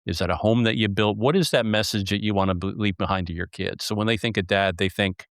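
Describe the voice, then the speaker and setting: A man's voice: lowish voice, steady tone, fast, dry recording, clean studio sound. A man hosting an interview, asking questions in a playful, joking way and setting them up with stories. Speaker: podcast host, interviewer. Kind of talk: conversational interview.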